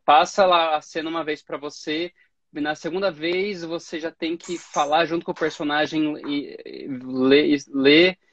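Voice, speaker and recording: This host is a Brazilian man in his thirties, from Campinas, running a laid-back video-call interview from a small home room. He talks at a normal speed in a fairly high, steady, rather bright voice, full of stories and easy laughter. Captured on a webcam, the sound is dry with the highs cut off.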